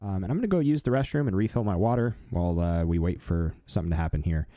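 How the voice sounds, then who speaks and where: Male, 30s, live-stream host; deep warm voice, easygoing and filler-heavy. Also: quick pace, dry recording. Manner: relaxed, chatty, many fillers. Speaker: livestream host. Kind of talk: casual live-stream chat.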